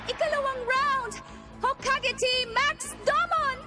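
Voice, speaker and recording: A woman's voice: very high-pitched, fairly even intonation, slow pace. An actress dubbing a formal female tournament announcer in a cartoon, calling out the matches. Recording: cartoon dub with loud music and crowd.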